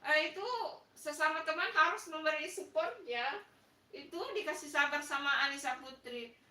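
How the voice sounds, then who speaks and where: A woman's voice: high-pitched, normal speed, pushed and bright. A woman hosting a casual live stream, teasing viewers with mock sympathy and coaxing them to like, with a Makassar Indonesian lilt. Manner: playful, coaxing viewers to like and subscribe. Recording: echoey room, voice a bit far from the mic.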